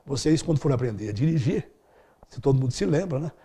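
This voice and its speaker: A man's voice: mid-range voice, expressive, fast, warm tone, husky. A middle-aged man answering interview questions as a speed-reading instructor, explaining in a didactic way with vivid everyday examples.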